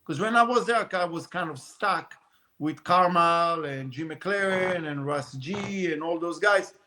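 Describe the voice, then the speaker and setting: A man who races RC cars, telling rambling, animated stories in a casual podcast chat with many fillers. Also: fairly high pitch, unhurried, a little hiss or hum. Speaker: guest, RC car racer.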